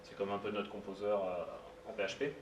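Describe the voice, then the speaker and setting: A man's voice: lowish voice, level tone, a little fast. Hesitant man speaking in an echoey room. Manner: hesitant, many fillers, informal asides. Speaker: meetup speaker. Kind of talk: live technical talk. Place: meetup room. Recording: roomy sound, distant mic, faint noise.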